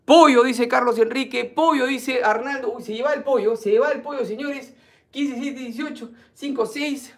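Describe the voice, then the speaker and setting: Gravelly man chatting on a live class. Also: very high-pitched, moderate pace. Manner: chatty, reads viewer comments aloud and runs playful polls. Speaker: teacher hosting a live class. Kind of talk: casual live-stream chat.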